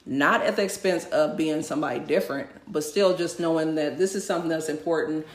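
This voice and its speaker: A woman's voice: sits low, fairly quick, roomy sound, slight background noise. A woman co-hosting a casual chat, speaking emphatically and addressing listeners directly. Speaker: podcast co-host.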